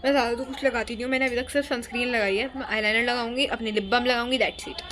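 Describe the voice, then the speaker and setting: A woman's voice: on the high side, fairly even intonation, quick pace, a bit bright, slight background noise. A young woman telling a story casually to her phone camera at home, rambling and chatty, dropping English words into her talk. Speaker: vlogger.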